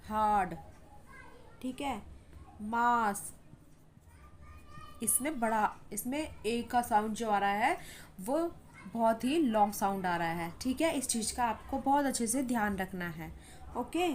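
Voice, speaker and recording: Patient woman teacher, slightly high voice, drills example words slowly, faint hum behind. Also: expressive, darkish tone. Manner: patient, repeats "ठीक है" often, stretches example words slowly. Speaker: English teacher. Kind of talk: spoken English pronunciation lesson.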